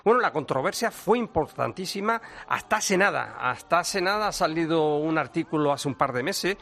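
A man's voice: on the high side, expressive, moderate pace, gravelly, fairly bright tone. A man, an enthusiastic medical expert explaining science on a talk show. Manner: enthusiastic explainer, laughs often.

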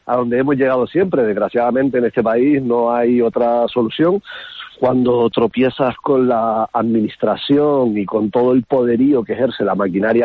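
Canarian taxi guy on the phone, husky voice, tinny line, keeps restarting but pushes his point hard. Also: medium pitch, no echo. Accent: Canarian Spanish. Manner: emphatic, with frequent restarts. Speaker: taxi association spokesman. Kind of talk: phone-in radio interview.

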